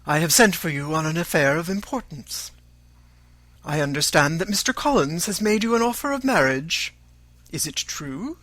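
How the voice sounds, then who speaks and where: A narrator voicing an unruffled, sardonic older father in an audiobook, formal, measured and deadpan. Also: medium pitch, no room sound. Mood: stern.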